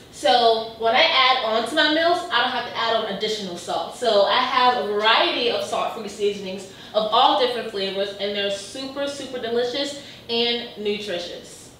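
A woman's voice: on the high side, animated, moderate pace, a bit bright, a little hiss or hum. A young woman in a home kitchen, chatting casually as a fitness vlogger while showing her food items, upbeat and full of fillers. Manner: chatty and upbeat, many fillers like "you know" and "like". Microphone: camera mic from a few meters away. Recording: echoey kitchen, voice a bit distant.

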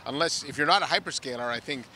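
Brief: middle-aged man, mid-pitched, measured explainer, handheld mic, outdoor plaza. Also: pushed and bright, a little hiss or hum. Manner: measured, explanatory, some filler "uh"s. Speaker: industry analyst guest. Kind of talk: on-site analysis chat.

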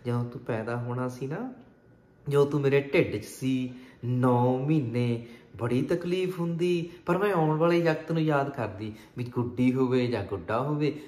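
A man voicing an elderly mother who soothes and reassures her grown son in a gentle, coaxing way. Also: medium pitch, moderate pace, lightly acted. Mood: tender. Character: elderly mother, tender and steadfast. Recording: roomy echo.

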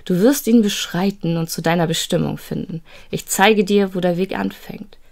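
A woman voicing a cheerful, wise male storyteller in an audio storybook, speaking in a gentle, measured way. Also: lowish voice, vocal fry. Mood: kindly.

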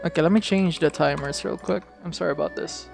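A man streaming a game, chatting casually and excitably, swearing freely as he talks to his viewers. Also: fairly high pitch, fairly quick, vocal fry, music in the background. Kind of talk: casual live-stream chat.

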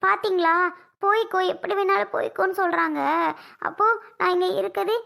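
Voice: extremely high pitch, fairly even intonation, brisk, vocal fry, pushed and bright, exaggerated voice. A performer playing a tearful young mother who sobs and accuses her family, in a family skit. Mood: hurt. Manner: plaintive, accusing and sobbing. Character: tearful young mother Sathya, quick to take offence.

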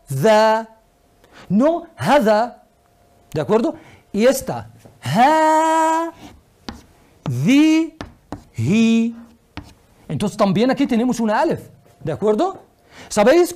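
Lively, patient woman teaching a lesson. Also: on the high side. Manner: patient, drills words slowly and asks questions. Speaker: Arabic teacher. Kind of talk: one-on-one language lesson.

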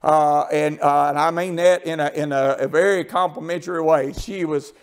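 A man preaching a sermon in a church, swinging from shouted, tearful peaks to a low, confiding storytelling tone with plenty of fillers. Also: steady tone, normal speed, clear, resonant tone. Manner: rises into shouted, tearful crescendos, then drops to a low confiding tone; homespun storytelling with many fillers. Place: church sanctuary.

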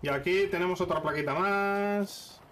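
High-voiced Spanish game streamer. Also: male voice, moderate pace, recorded from a distance, a little hiss or hum. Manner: excited running commentary with swearing and teasing. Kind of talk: live gameplay commentary.

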